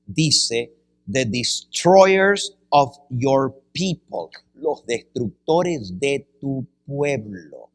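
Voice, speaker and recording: A man's voice: medium pitch, no room sound. A man giving a Bible seminar lecture, quizzing his listeners with questions and repeating key phrases to drive home each point. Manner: asks the audience questions and explains with examples; deliberate, repeats phrases for emphasis.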